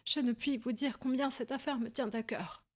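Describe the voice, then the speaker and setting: Woman doing a high, whining little man. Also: fairly even intonation, normal speed. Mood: eager. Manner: whining, tremulous. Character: small, pale, anxious man, nervous and whining.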